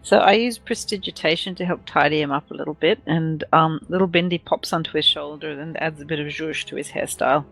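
A woman's voice: deep voice, quick pace, vocal fry, hardly any pauses, fairly bright tone, faint music behind. A woman playing a tabletop game, chatty and teasing. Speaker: player.

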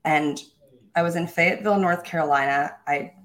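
A young woman with a low-sitting, somewhat bright voice talks at normal speed about her own life in an interview. Her storytelling is frank, cheerful, and confident, punctuated by small laughs and restarts.

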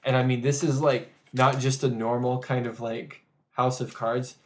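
A man's voice: medium pitch, level tone, normal speed. A man narrating a tabletop game as game master, rambling with many fillers.

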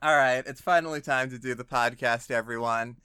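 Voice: mid-range voice, steady tone, a little fast, heavy background noise. A podcast co-host chatting casually, teasing their partner with dry, wry commentary. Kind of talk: casual chat.

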